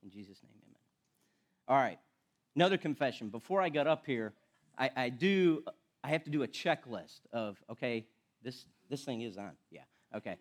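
Speaking from a church sanctuary, a middle-aged lay preacher and firefighter from Florida chats casually with his congregation, self-deprecating and stumbling over restarts. He weaves everyday stories into the sermon, sounding relaxed and conversational in a mid-range voice at a moderate pace.

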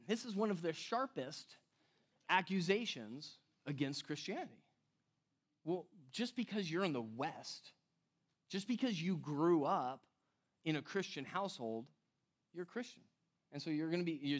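A middle-aged man preaching a conversational teaching sermon, with a slight whistle on his s sounds, breaking off and putting questions to his listeners. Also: sits high. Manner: self-interrupting, rhetorical questions, talks directly to listeners. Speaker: pastor preaching to a congregation.

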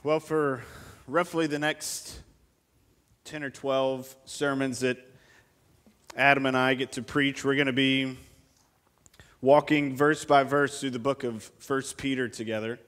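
A man's voice: mid-range voice, level tone, a little slow, a bit bright, long reverb tail. A man preaching an expository sermon at a pulpit microphone in a church, speaking earnestly and asking the congregation many rhetorical questions.

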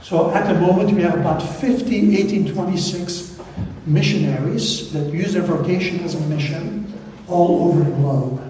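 A middle-aged Flemish-speaking missionary from Belgium preaches from the pulpit as a visiting speaker, earnest and measured but halting, with frequent fillers. His voice is on the high side with a dark tone. He's captured from a distant mic in an echoey church sanctuary with faint room hum.

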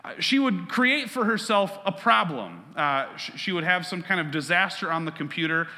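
A man's voice: sits high, animated, normal speed, bright, forceful tone, long reverb tail. A man preaching a sermon as pastor, earnest and conversational, weaving a personal story into his teaching.

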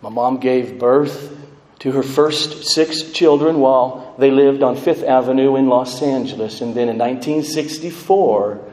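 A middle-aged American man giving a tender eulogy for his mother, speaking in a measured, halting way with pauses. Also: mid-range voice, darkish tone. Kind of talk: eulogy speech at a memorial service. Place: large echoing room at a funeral service. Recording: echoey hall, faint background noise.

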